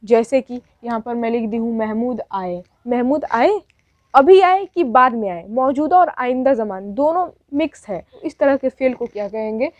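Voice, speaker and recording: A woman's voice: fairly high pitch, moderate pace, a little mellow, no room sound. A woman teacher giving a grammar lesson, asking questions and answering them herself, with lots of repetition. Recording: dull, dry lo-fi sound.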